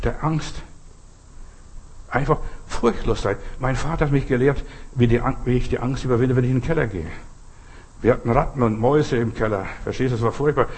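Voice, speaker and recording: A man with a mid-range, darkish, slightly rough voice preaches without a script, folksy and repetitive. He keeps exhorting the listener directly, using short imperatives and anecdotes.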